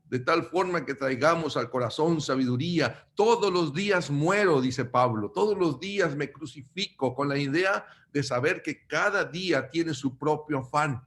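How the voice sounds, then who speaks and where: A man from Mexico preaching a sermon, addressing his listeners as brothers and swinging between loud emphatic bursts and quiet low asides. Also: normal speed, few pauses.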